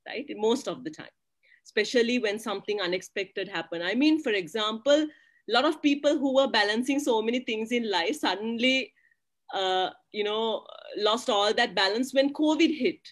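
A woman's voice: a little high, moderate pace. A woman in her thirties speaking as a panelist on a video call from a small curtained room, talking earnestly and tagging her points with "you know" and "right?". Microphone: laptop webcam on a video call.

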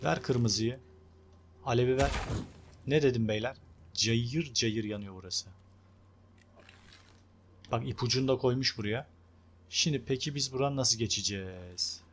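A young man casually commenting on his own gameplay, chatty and excitable, talking to his viewers and urging on the game character. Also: mid-range voice, unhurried, long pauses. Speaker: gameplay video host. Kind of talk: casual let's-play commentary.

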